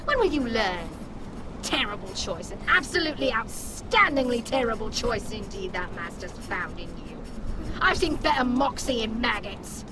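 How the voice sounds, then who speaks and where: A woman's voice: a little high, very animated, moderate pace, background noise. A woman playing a cruel, scolding overseer who berates like a wicked stepmother, in a dramatic performance. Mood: scornful scolding. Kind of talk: dramatic character acting.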